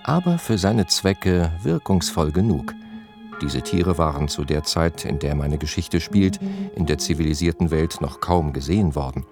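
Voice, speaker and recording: A man reading a literary story aloud as an audiobook narrator, measured and even in his storytelling. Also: rumbling low. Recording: narration over guitar music.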